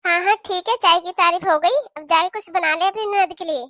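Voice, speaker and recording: A woman voicing a sharp-tongued, nagging middle-aged mother-in-law in a cartoon, talking in a scolding, taunting way. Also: extremely high pitch, fairly quick, dry recording, studio quality. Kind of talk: cartoon voice acting.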